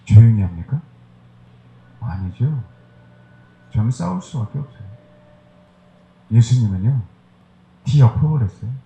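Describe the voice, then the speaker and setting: A man's voice: medium pitch, animated, a little slow, pauses often, dark tone, echoey room, slight background noise, poor audio. A male pastor preaching a sermon, hammering his points with rhetorical questions to the congregation.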